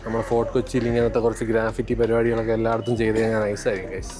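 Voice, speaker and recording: Fast-talking Kerala man vlogging in Malayalam-English mix. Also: fairly low pitch, flat delivery, over music. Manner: mixes Malayalam and English, often addressing viewers as guys. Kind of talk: casual vlog chat.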